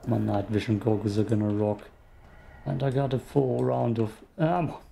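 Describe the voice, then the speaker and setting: A gameplay streamer with an Austrian accent casually comments on a horror game while playing, muttering frustrated asides to himself in a let's play style. His medium-pitched voice is steady and warm with vocal fry, at normal speed, with slight background noise.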